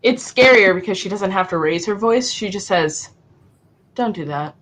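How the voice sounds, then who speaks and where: A woman's voice: medium pitch, moderate pace. A woman co-hosting a live writing stream, joking and reading out viewer comments casually. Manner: animated, jokey, reads out viewer comments. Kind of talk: casual chat.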